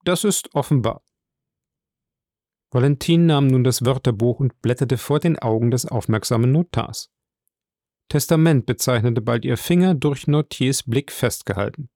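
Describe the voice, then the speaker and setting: A man reading a novel aloud in even, measured scripted narration. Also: mid-range voice, dry recording, clean studio sound. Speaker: audiobook reader.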